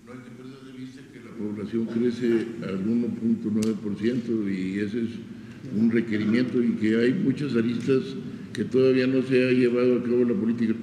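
Mellow male reporter, echoey hall. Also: medium pitch, steady tone, normal speed, slight background noise. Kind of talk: press conference comment.

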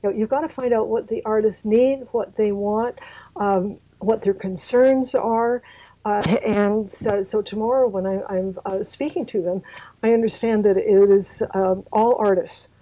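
An older woman from Canada talks through an interview in a mellow, darkish voice, dry and close to the mic. She hedges a lot, stacking fillers and restarting her sentences. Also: mid-range voice, steady tone, measured pace, dry recording, low-quality recording. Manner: hesitant, many fillers and restarts. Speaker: guest, arts health board secretary. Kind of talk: casual interview talk.

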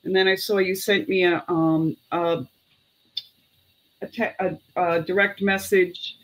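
A woman's voice: fairly low pitch, fairly even intonation, takes it slowly, slight background noise. A middle-aged woman chatting casually and unhurriedly as she sells items on a live online sale, sometimes muttering counts to herself. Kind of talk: casual live selling chat. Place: indoor room with clothes racks.

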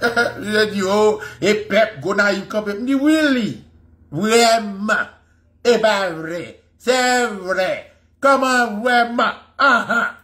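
A man's voice: high voice, extremely slow, bright, forceful tone. A man giving an impassioned history lecture, fervent and repeating phrases for emphasis.

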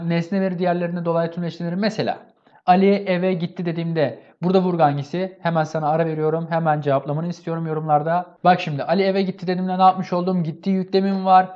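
A man's voice: a little high, lo-fi sound. A man teaching a grammar lesson with energy, asking and answering his own questions and often repeating an affectionate address to his viewers. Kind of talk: online exam-prep lesson.

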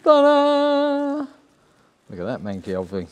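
A man's voice: very high-pitched, unhurried. A middle-aged British man working on a car, bantering and joking while he explains what he finds. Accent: British English. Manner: joking, teasing, very lively intonation. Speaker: restoration mechanic. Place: large indoor garage workshop.

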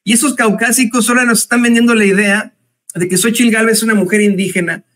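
A Mexican man with a Mexican accent giving indignant, mocking political commentary, pausing often with hesitant fillers. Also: high voice, steady tone, a bit bright.

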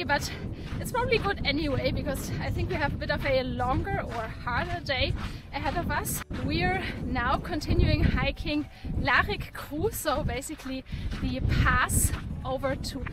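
Breathless from the climb, a young woman vlogs to a camera held at arm's length during a mountain hike, chatting, laughing often and restarting mid-sentence. Her voice is high-pitched and the audio very noisy, recorded outdoors in a windy mountain valley.

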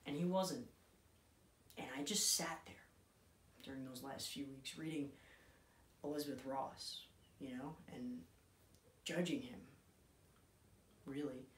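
A man in his twenties acting an intense dramatic monologue as a grieving, bitter son, halting and swinging between hushed and forceful delivery. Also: medium pitch, slight background noise, close to an everyday voice. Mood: quiet, regretful. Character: grieving, bitter young man recalling his dying father. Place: small room indoors, on a couch. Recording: roomy indoor echo.

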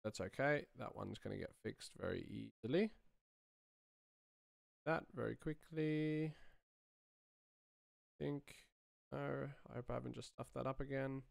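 Sitting close to his desk mic in a small indoor room, an Australian man in his thirties, a sound designer and live streamer, answers chat and comments casually as he works. His mid-range voice is creaky and a little slow, he pauses often, and the recording is dry.

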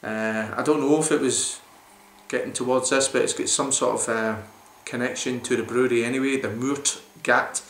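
There's a little hiss or hum on this roomy, echoey home recording of a forties-aged man reviewing a beer to camera in a small room. He speaks at a moderate pace in a steady, medium-pitched, slightly bright voice, rambling eagerly and leaning on fillers.

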